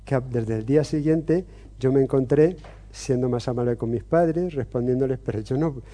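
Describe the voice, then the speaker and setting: Man in his 50s answering faith questions, earnest, reflective, very mellow dark voice, lots of little hesitations. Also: mid-range voice, moderate pace. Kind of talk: personal testimony and teaching.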